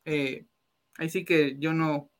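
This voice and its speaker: A man's voice: on the high side, steady tone, slow pace. A young Guatemalan man with a Guatemalan Spanish accent, co-hosting a casual sports chat, laughing often and restarting his sentences. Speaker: podcast co-host.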